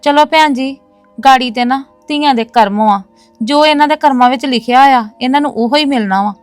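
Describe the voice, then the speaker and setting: This web series actress has a high-pitched voice at a moderate pace, sounding natural and dry with no room echo, soft music behind her. Playing a proud woman in a domestic drama, she earnestly insists on standing up for her brother and his family, saying "no, no, sister" again and again.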